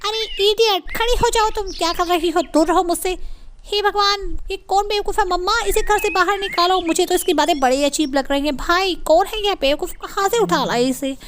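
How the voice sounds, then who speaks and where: Squeaky spoiled little sister as a lady voices her, bratty and whiny, cartoon. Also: normal speed, fairly bright tone, slight background noise. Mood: disdainful. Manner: bratty, whiny, mixes in English words. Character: spoiled young adult sister, rude.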